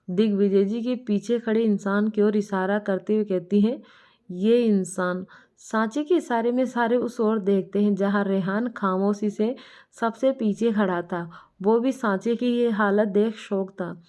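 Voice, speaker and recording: A woman's voice: mid-range voice, a little mellow. Woman reading a family drama story. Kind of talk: scripted narration. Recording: muffled lo-fi recording.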